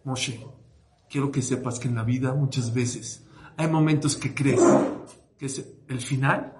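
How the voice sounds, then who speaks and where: A man's voice: mid-range voice, steady tone, unhurried. A man, a rabbi telling a story in a sermon to his weekly class, acting out the characters' lines and repeating words for emphasis. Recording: echoey room with faint noise.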